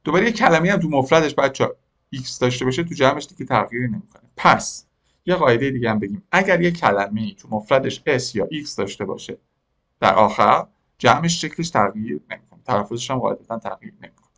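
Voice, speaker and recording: Man teaching French slowly, word by word. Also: mid-range voice, expressive, fairly bright tone. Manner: repeats French phrases slowly, word by word, then explains; addresses learners directly with questions. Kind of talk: language lesson.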